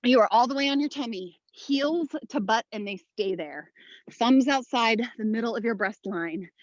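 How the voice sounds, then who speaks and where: A woman's voice: on the high side, expressive, moderate pace, dry recording, highs cut off. A woman leading a follow-along workout as a fitness instructor, giving motivational short commands and counts while exerting herself. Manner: exerting while talking, audible breaths and sighs.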